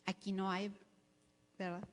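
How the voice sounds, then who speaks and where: A woman's voice: medium pitch, level tone, unhurried, long reverb tail. A woman pastor with a Mexican Spanish accent preaching a sermon, often calling out to the congregation as brothers.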